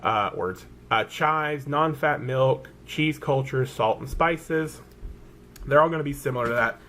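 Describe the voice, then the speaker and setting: A chatty man with a light Southern American drawl talks through a haul in an easygoing, rambling way. He stumbles over words and corrects himself as he goes. His pitch sits in a middling range, with a faint hiss of background noise. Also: unhurried, a bit bright. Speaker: vlogger. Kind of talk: casual product haul chat.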